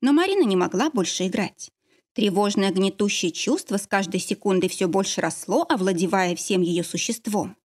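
Husky female audiobook narrator, lively pitch, measured. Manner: measured storytelling. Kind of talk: scripted narration.

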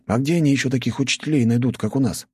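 A man's voice: medium pitch, racing, slightly rough, dry recording, clean studio sound, voice pushed up, lightly acted. A man reading a cheerful, teasing teenage boy prince, a schoolmate, for an audiobook.

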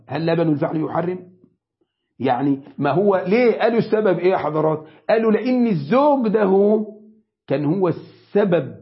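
A man with an Egyptian accent teaching Islamic law in a religious lesson, often asking his listeners questions and answering them himself. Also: fairly high pitch. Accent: Egyptian Arabic. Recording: dull lo-fi recording.

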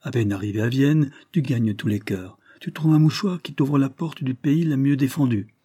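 Storybook: man playing a gushing, reckless young pal, bright and excitable, husky edge. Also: medium pitch, normal speed, voice pushed up, natural voice. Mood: excited. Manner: excited, effusive exclamations. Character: exuberant young male friend, brash and thrill-seeking.

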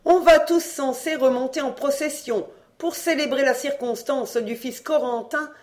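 An audiobook reader voicing a bossy, loud-mouthed mother of a poor family who scolds and gives orders. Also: fairly even intonation, moderate pace, close to an everyday voice. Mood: scolding. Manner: scolding, commanding, shrill. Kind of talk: audiobook reading, acted dialogue.

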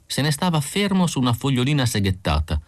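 A man narrating an audiobook with slow, measured reading. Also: medium pitch, huge pitch swings, dry recording. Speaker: audiobook reader.

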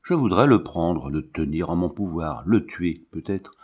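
A man reading the lines of a jealous, obsessive young man, intense and pressing, in a low voice. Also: lively intonation, measured pace, darkish tone, breathy edge, heavily acted.

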